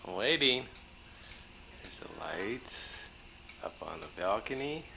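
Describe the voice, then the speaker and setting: Old VHS home-video clip: a man behind the camcorder, chatty, lively up-and-down voice, faint tape hiss. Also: on the low side, takes it slowly, creaky, poor audio. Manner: chatty narrating while filming, coaxing a toddler. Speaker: family member filming at home. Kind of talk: casual home-video narration. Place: home living room on Christmas morning. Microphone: camcorder built-in mic, operator behind camera.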